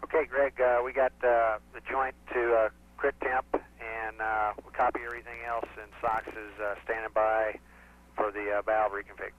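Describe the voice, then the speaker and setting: A man's voice: fairly low pitch, flat delivery, moderate pace. A man speaking as an astronaut over a radio link, in casual procedural exchanges. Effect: radio transmission. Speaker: astronaut on a spacecraft. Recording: thin, phone-like spacecraft radio link.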